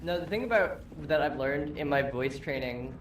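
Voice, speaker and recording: A man's voice: mid-range voice, moderate pace, a little hiss or hum. A man joking crudely with friends during a game stream. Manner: joking, crude humor, shouts when excited. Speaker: streamer guest. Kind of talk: casual gaming chat.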